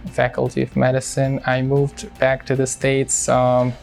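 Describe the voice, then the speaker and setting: Flat, gravelly man. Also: medium pitch, faint music behind. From Syria. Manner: measured, halting, with frequent fillers. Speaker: cardiologist. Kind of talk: hospital profile interview.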